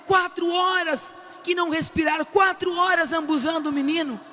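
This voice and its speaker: An older woman with a Brazilian accent giving an animated testimony at a prayer meeting, acting out the lines she quotes. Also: very high voice, moderate pace, in a large hall. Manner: animated storyteller who loudly acts out the quoted lines. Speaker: prayer group speaker. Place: large cathedral.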